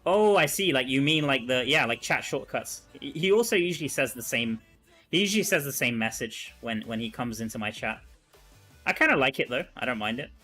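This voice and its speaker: A man's voice: medium pitch, lively intonation, fairly quick, bright, forceful tone, soft background music. A man streaming a video game, chatting casually and thinking aloud as he answers his chat.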